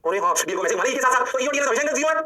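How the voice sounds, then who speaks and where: Fast, bright-voiced physics teacher. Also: male voice, very high voice. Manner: animated, playful catchphrases, rhetorical questions to students. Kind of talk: energetic online lecture.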